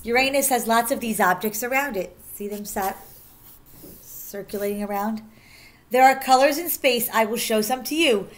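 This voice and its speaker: Reading a rhyming picture book to children, a female teacher gives a lively, sing-song performance that leans on key words. She speaks at a moderate pace, her voice on the high side.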